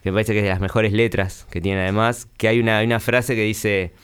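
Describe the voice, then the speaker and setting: Man, low smooth voice, relaxed rambling interview talk. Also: quick pace. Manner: relaxed, rambling with fillers and restarts. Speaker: musician guest.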